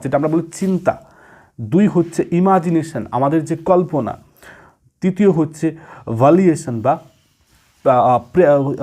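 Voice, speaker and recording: A man giving an exam-prep lecture from home, reading English definitions slowly and then explaining them in quicker talk with fillers. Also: a little high, darkish tone. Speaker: teacher.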